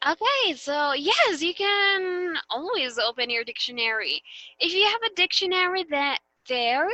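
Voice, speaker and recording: A woman teacher with a Filipino English accent leads a classroom demonstration lesson, checking in with students as she goes. Her voice sits high and sounds bright and crisp. The recording is dry and close, with no room echo. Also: very animated, measured pace, muffled recording. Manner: patient, guiding questions with frequent okay and right.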